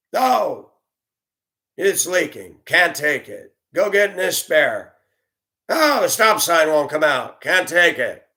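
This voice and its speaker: Gravelly earnest man venting. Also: on the high side, bright, forceful tone. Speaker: former school bus driver. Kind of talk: candid personal storytelling.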